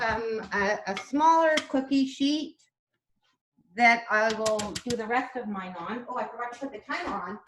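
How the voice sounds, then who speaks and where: A woman's voice: a little high, a little hiss or hum. A woman teaching a casual cooking demonstration over a video call. She talks in a chatty, homey way and often restarts her sentences. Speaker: cooking class instructor.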